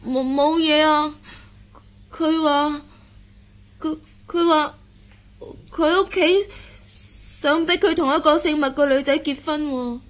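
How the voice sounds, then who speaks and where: In a Cantonese radio drama, an actress with a high-pitched voice plays a shy, lovesick young daughter who hides her feelings. She speaks slowly and fairly evenly, hesitant, upset and stammering, with long pauses. The audio quality is poor.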